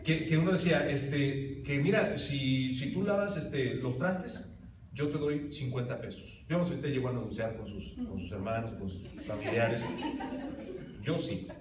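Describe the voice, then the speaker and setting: A man's voice: mid-range voice, measured pace, a little hiss or hum. A man preaching a sermon to his congregation, emphatic, putting questions straight to his listeners. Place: church hall. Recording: roomy hall from a distance.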